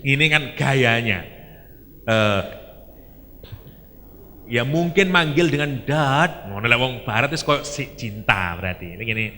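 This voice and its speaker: A man with an East Javanese accent preaching a sermon, telling the story in a lively way with Javanese and English asides. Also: medium pitch, in a large hall.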